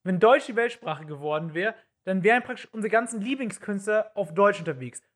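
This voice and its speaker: A man's voice: high-pitched, fairly quick. A man hosting a casual chat, talking in a teasing, chatty way and often tagging on "ne?".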